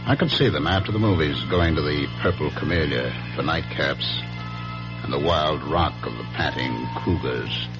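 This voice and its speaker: In a melancholy radio drama, an actor with a bass voice plays a brooding, jealous husband, a weary businessman narrating memories of his past in the first person. He speaks in a measured, dramatic, ruminative way. Dramatic music sits behind him on a dull vintage radio recording.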